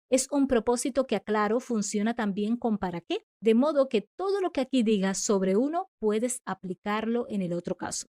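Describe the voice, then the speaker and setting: A woman giving a scripted online lesson as a writing teacher, explaining clearly and acting out example sentences. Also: mid-range voice, warm tone, dry recording, studio quality.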